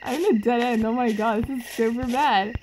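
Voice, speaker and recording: A woman chatting excitedly and giggling as she plays a scary mobile game, rambling casually between jumps of fright. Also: a little high, a little fast, a little hiss or hum, rough recording.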